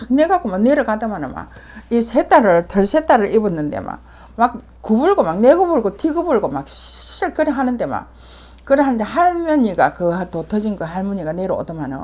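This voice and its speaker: A woman's voice: mid-range voice, a little mellow. Older Gyeongsang woman telling her story. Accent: Gyeongsang Korean. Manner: vivid retelling with many fillers, acting out others' words. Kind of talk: casual storytelling.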